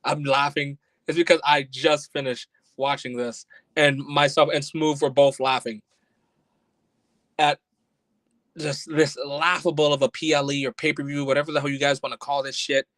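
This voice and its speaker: A man's voice: a little high, little pitch movement, normal speed, fairly bright tone, no echo, poor audio. A man hosting a casual solo podcast review, talking bluntly and with exasperation, and a little out of breath. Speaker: podcast host.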